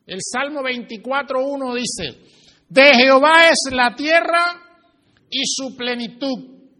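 A man preaching a sermon as pastor to his church, swinging his pitch and volume for emphasis. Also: takes it slowly, bright, forceful tone. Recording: reverberant hall.

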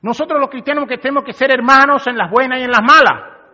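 High, bright-voiced man preaching in a hall. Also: fast. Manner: conversational preaching, addresses the congregation directly. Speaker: pastor. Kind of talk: sermon. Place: church hall. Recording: dull lo-fi recording with long hall reverb.

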